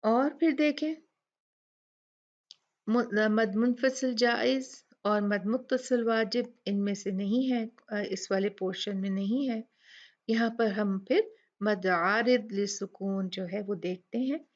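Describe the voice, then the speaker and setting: A woman teaches recitation rules at an unhurried pace, patient and methodical. She often repeats a word slowly and asks rhetorical questions. The recording sounds a little dull and lo-fi. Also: medium pitch. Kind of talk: slow explanatory lesson with recited examples.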